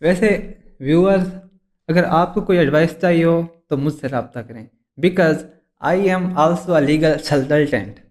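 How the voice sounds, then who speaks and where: A boastful, bumbling lawyer played by a man, pleased with himself and tripping over his English. His voice sits a little high for a man, and he drags out his English phrases slowly. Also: darkish tone. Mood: smug. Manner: slow, stumbling, self-satisfied English phrases. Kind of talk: comedy sketch.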